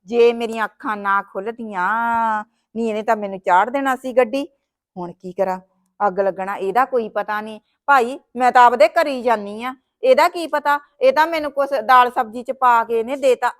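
A worried, theatrical sister-in-law with a high voice and a Punjabi accent, given to wailing and nagging advice. The acting is plain and homely, in the way of a village short film, with a woman playing her. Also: a little fast, few pauses, a bit bright, natural voice. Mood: fretful. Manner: dramatic wailing, scolding. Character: fretful sister-in-law caring for her brother's wife.

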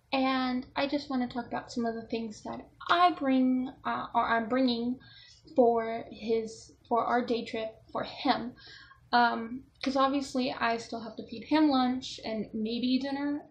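Chatty young woman with a raised voice. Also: fairly high pitch. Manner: rambling, self-correcting, with frequent ums. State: has the hiccups. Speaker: vlogger with a service dog. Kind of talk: casual show-and-tell vlog.

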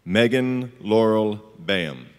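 A man reading graduates' names at a commencement ceremony, slowly and deliberately, one name at a time. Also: lowish voice, lively intonation. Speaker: name reader. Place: large auditorium. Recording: long hall reverb.

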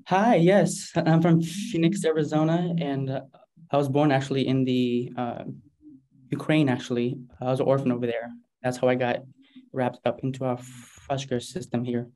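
A young man with a dark, mellow voice answers questions over a video call. He keeps his replies short and plain, pausing now and then with small hesitations. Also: mid-range voice, little pitch movement, rough recording. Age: young adult. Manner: brief, hesitant, plain-spoken. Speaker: intern, interview guest.

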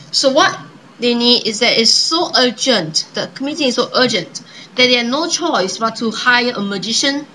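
A young woman casually presenting a card trick, improvising her patter in a hesitant, halting way. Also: a little high, bright, forceful tone. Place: indoors at a table. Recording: noisy home webcam-style recording.

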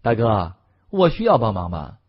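A man voicing a brash, fearless young male cultivator who talks loudly with a mocking swagger. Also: on the low side, huge pitch swings, normal speed, husky, muffled recording, full character voice. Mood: teasing.

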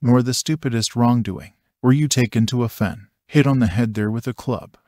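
A man's voice: mid-range voice, moderate pace, a little mellow, no echo, clean studio sound, close to an everyday voice. A man reading the lines of a newborn boy who accuses an old seer defiantly. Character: half-month-old baby boy, defiant and merciless.

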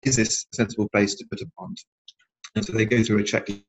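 A man's voice: fairly low pitch, little pitch movement, fast, a little hiss or hum, poor audio. A man giving a webinar presentation over a video call, his audio cutting out in dropouts. He talks hesitantly, with many restarts and repeated words.

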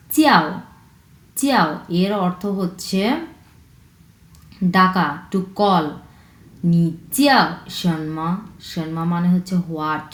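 A woman from China teaching a language lesson, patiently repeating words slowly to drill pronunciation. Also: fairly low pitch, a little mellow. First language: Chinese. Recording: echoey room.

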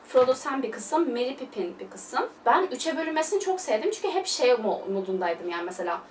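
A woman's voice: sits high, very animated, brisk. Gushing young woman in a roomy space. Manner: gushing, chatty, loose filler-heavy talk. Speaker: film vlogger. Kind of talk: casual film review chat. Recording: roomy, distant mic, faint hiss.

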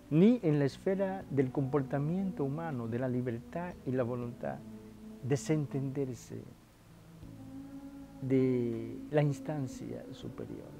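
Slow, gravelly friar preaching. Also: male voice, medium pitch, warm tone. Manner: addresses listeners as brothers and sisters, emphatic swells and drops. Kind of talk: sermon.

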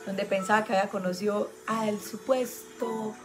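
A woman with a Medellín Colombian accent talks straight to her viewers in a mid-pitched voice, laughing often as she tells her story. Soft music plays faintly behind her. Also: fairly even intonation, normal speed. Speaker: spiritual healing coach. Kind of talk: personal storytelling to an online audience.

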